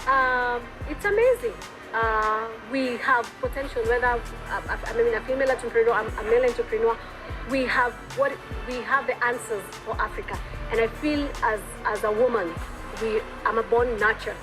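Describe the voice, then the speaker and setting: A woman's voice: fairly high pitch, music in the background, rough recording. A Kenyan woman with a Kenyan accent, an entrepreneur answering interview questions in an earnest, reflective way. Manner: earnest, reflective, pauses with fillers.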